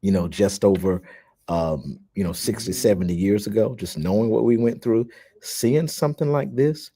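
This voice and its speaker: A man's voice: on the low side, normal speed, warm tone, slightly rough. A man talking to his followers in a casual, emphatic monologue, with plenty of fillers. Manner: emphatic, indignant, with frequent fillers. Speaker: social media host.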